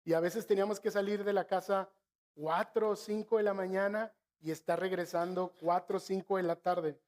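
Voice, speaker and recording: Middle-aged Mexican pastor, raised pitch, storytelling sermon with asides to the congregation. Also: male voice, steady tone. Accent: northern Mexican. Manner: slows and softens to stress key phrases.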